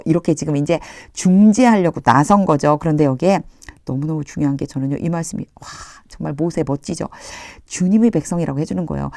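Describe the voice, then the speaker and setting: Woman going thru bible english line by line, kinda low voice, chatty and encouraging, dry close sound. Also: a little mellow, dry recording. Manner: chatty, encouraging, often opens lines with "자". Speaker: English Bible reading teacher. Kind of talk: explaining English Bible verse by verse.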